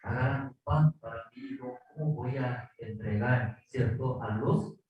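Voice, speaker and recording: A man's voice: medium pitch, unhurried, muffled recording. A man from South Korea with a Korean accent, preaching a sermon in simple, repetitive Spanish full of rhetorical questions. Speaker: pastor. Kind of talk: sermon with Bible reading. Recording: distant echoey online service audio.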